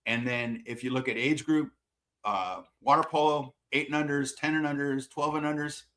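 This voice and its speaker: A man in a middle pitch talks frankly about coaching and freely admits his own shortcomings. He often repeats a word or two while he lines up his next thought. His delivery is plain and unpolished. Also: normal speed, a bit bright. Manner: plain-spoken, self-deprecating, repeats words as he gathers thoughts. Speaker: swim and water polo coach. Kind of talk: interview answers.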